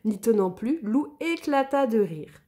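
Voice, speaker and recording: A woman narrating a children's story in a lively, expressive way. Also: fairly high pitch, unhurried.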